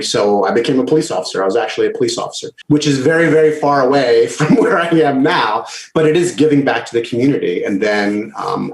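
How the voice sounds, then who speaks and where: A middle-aged man from Maryland, a state lawmaker guest, telling his story in a casual interview and acting out remarks he quotes. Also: on the low side. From Maryland, USA. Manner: animated, acts out quoted remarks in livelier voice. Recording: roomy echo.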